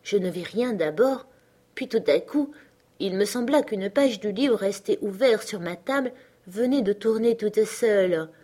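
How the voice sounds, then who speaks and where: A woman's voice: mid-range voice, expressive, unhurried. Woman giving an anguished dramatic reading. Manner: intense, anguished delivery with hushed whispered passages. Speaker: reader.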